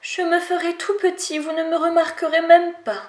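Une femme fait la voix d'un loup gris transi qui insiste pour entrer. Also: female voice, very high voice, flat delivery, normal speed, roomy sound, pitched above the performer's own voice. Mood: pleading. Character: big grey wolf, frozen and pleading.

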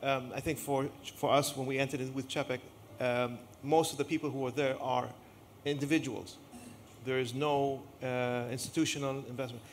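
A man's voice: mid-range voice, little pitch movement, moderate pace, slight background noise. A man speaking as a panelist at a live discussion, hesitant, restarting words and using many filler sounds.

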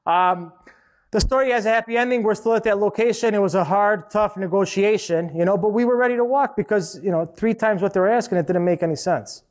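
High-voiced man giving a lively seminar talk. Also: a little fast. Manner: direct, conversational, emphatic repetition. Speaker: seminar speaker, restaurant owner. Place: conference hall.

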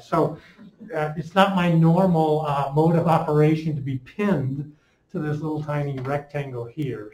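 A man gives an informal classroom lecture through a face mask. His voice is dark and relaxed, a little muffled by the cloth. It carries noticeable room echo, picked up by a microphone a few steps away. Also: medium pitch. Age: middle-aged. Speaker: high school calculus teacher. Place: indoor classroom in front of a chalkboard. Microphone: fixed microphone a few steps away.

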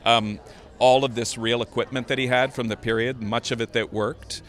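A man giving a red carpet interview, thoughtful and emphatic, pausing to find his words. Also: mid-range voice, fairly even intonation, fairly bright tone.

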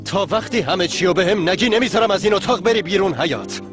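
A man's voice: sits high, music in the background, close to an everyday voice. A man dubbing a young husband who insistently demands answers from his wife. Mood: angry. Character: young husband, angry and suspicious. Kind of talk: TV drama dub.

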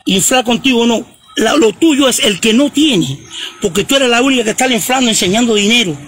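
A man's voice: very high-pitched, animated, brisk, fairly bright tone, breathy edge. A man, ranting and hurling repeated insults during a phone livestream. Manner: insulting, repetitive, mocking. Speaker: social media livestreamer.

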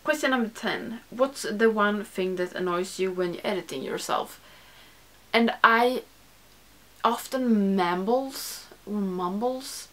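A young beauty YouTuber whose first language isn't English chats casually to camera, answering a tag from a small indoor room lined with makeup shelves. Her mid-range voice moves slowly as she rambles, corrects herself, and says "like" a lot.

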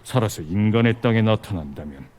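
An actor playing a composed, persuasive otherworldly envoy in a video game, speaking formally and gravely. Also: male voice, lowish voice, animated, a little fast, darkish tone, natural voice. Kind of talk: dramatic game voice acting.

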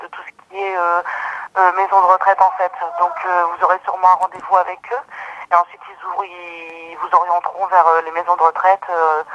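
A man's voice: sits high, a bit bright. A man speaking over the phone as a reassuring, hesitant care home staff member, explaining things helpfully. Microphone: telephone. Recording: muffled telephone line.

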